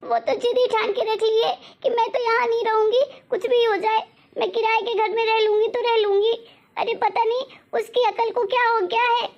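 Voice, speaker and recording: A woman voicing an anxious elderly mother-in-law in an animated family story, wailing and calling on God. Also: extremely high pitch, moderate pace, creaky, muffled recording. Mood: distressed.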